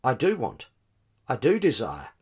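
A man's voice: medium pitch, wildly swooping pitch, measured pace, darkish tone, breathy edge. A man taking part in a Bible study discussion, speaking hesitantly and searching for words, with stumbles and restarts. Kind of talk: reflective group discussion.

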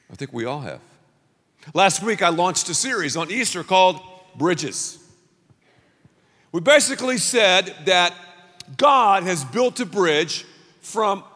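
Preaching as pastor, a middle-aged man delivers a sermon full of animated storytelling, shouting acted-out lines. His voice is high, with a big-room sound.

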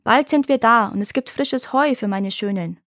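A woman's voice: fairly high pitch, moderate pace, a bit bright, no echo. An impatient, harried farmer in a fairy-tale reading, urging his herd on with slightly raised, exclaiming calls, as a woman narrator puts him on. The sound is close and dry, with no room around it. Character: impatient, harried old-world male farmer.

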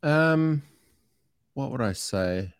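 Slangy Kiwi man with a lower voice. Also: lively intonation, extremely slow, smooth, dry recording. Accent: New Zealand. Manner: slangy, sweary, emphatic. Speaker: podcast guest. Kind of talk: casual opinionated conversation.

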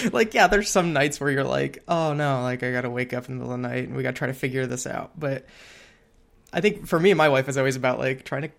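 A man, maybe in his thirties or forties, chats casually on a podcast, rambling as he thinks aloud and acting out imagined quotes. His medium-pitched voice is creaky and fairly bright, and he speaks briskly.

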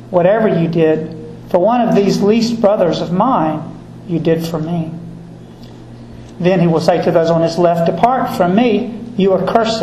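A middle-aged male priest from Georgia, reading scripture and preaching at a service in a measured, deliberate way, with a cathedral-like echo around his voice. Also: sits high, mellow. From Georgia, USA. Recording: echoey church with faint background noise.

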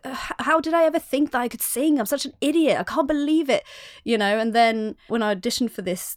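A woman's voice: medium pitch, dry recording, studio quality. A young woman, an actor and singer, talking candidly as a podcast guest, telling her story with many restarts. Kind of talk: casual podcast interview.

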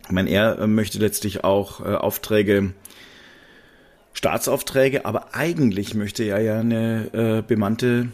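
A man's voice: on the low side, fairly even intonation, takes it slowly, darkish tone. A man co-hosting a podcast, chatting casually with many fillers and stammering restarts. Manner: lots of fillers, stammering restarts, laughs easily. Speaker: podcast co-host. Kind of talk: casual chat. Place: Berlin.

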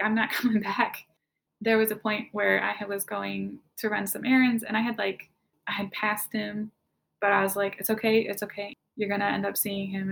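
A young woman with a gravelly, creaky edge to her voice tells her own story as a guest. She speaks candidly and slips into quoted back-and-forth dialogue as she recounts what happened. Her pitch sits in the middle range for a woman. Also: a bit bright. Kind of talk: personal testimony.

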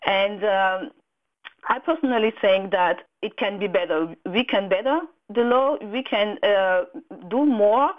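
A woman's voice: mid-range voice, a little slow. A woman from Cameroon, a radio guest answering earnestly with many restarts. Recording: tinny phone line.

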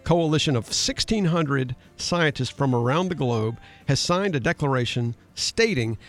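A man's voice: medium pitch, expressive, measured pace, soft background music. A middle-aged man co-hosting a conversational political talk show, speaking emphatically, reading news headlines aloud and keeping up a running exchange with his co-host.

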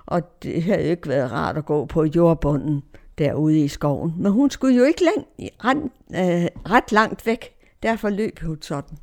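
A woman's voice: on the low side, a little mellow. A woman giving a personal faith testimony in an emotional way, her tone swinging widely.

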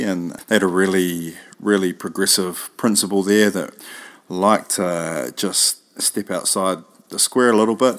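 A middle-aged man from New Zealand with a New Zealand accent, a PE teacher answering interview questions in a relaxed, rambling way. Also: sits low. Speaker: guest, PE teacher.

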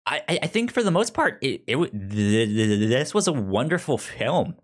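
With a medium-pitched, very animated voice at a moderate pace, a young man co-hosts a casual review podcast. He stutters heavily, frequently repeating the starts of words.

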